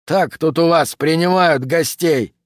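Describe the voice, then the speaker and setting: A man voicing a dreamy, lovesick stranger from a dead city in an audiobook, with slow, drawn-out, theatrical phrasing. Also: on the high side, no room sound, studio quality, pitched above the performer's own voice, lightly acted. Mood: indignant. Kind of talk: audiobook character voice.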